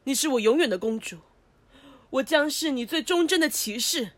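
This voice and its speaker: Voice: sits high, lively intonation, moderate pace, a bit bright, no echo. A voice actor playing a gallant young prince, once a cursed frog, in a cartoon, speaking in a grand, poetic, courtly way. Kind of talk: cartoon voice acting.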